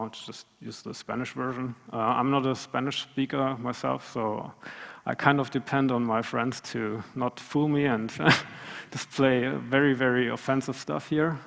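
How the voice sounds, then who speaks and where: Long hall reverb fills the recording as a man presents a live coding demo in a large conference room. A conference speaker with a mid-range, gravelly, fairly bright voice, he talks hesitantly, full of fillers and restarts.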